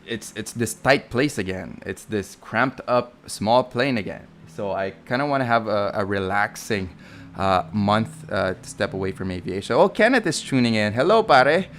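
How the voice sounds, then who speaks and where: Animated and fairly bright, this young man's voice sits on the low side at a moderate pace, with slight background noise. He's a Filipino-accented flight instructor from the Philippines, rambling through a live Q&A stream, chatty and full of fillers and self-corrections.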